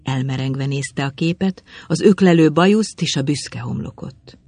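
Gravelly, husky storybook narrator. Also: medium pitch, a little mellow, no echo. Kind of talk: storybook reading.

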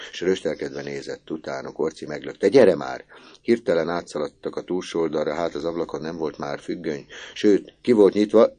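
A man narrating an audiobook in a calm, measured storytelling manner. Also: very deep voice.

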